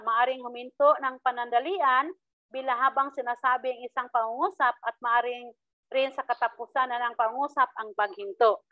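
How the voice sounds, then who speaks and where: High-voiced woman teacher, tinny and dry. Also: no echo. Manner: explains step by step, acting out sample lines with rising tones. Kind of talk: classroom lecture. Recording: tinny phone-like dry sound.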